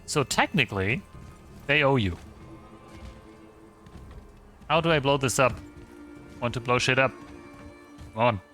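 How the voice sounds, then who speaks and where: A man's voice: medium pitch, expressive, moderate pace, a bit bright, faint music behind. A man giving casual, rambling commentary while streaming a video game, swearing casually. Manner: chatty, rambling, swears casually, many restarts.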